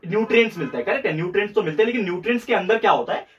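A young Indian tutor gives a fast, repetitive whiteboard lecture in a mix of Hindi and English, frequently checking in with "theek hai." His voice is high-pitched and lively but slightly hoarse, and he clears his throat. A distant camera captures dull, lo-fi audio in the room.

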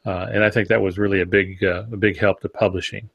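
Husky low-voiced man rambling casually. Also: flat delivery, fast, fairly bright tone, no room sound, dull audio. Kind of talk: casual podcast chat.

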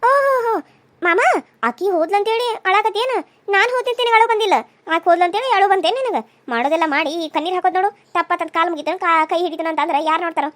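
Woman doing a pushy young woman, very high and fast. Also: a bit bright. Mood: insistent. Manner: accusing, insistent. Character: scheming young woman, demanding marriage. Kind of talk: cartoon voice acting.

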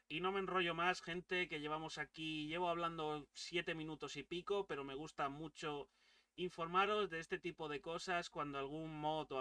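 High-voiced excitable Spanish gamer. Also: male voice, no echo, distant mic. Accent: Spain Spanish. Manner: excitable, swears and shouts at the game. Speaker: gaming YouTuber. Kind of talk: let's play commentary.

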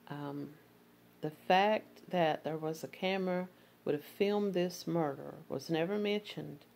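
A woman with a low voice and an Appalachian accent narrates a true crime case. She moves between reading court documents and loose, conversational commentary, with fillers and restarts. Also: creaky, a little mellow, slight background noise.

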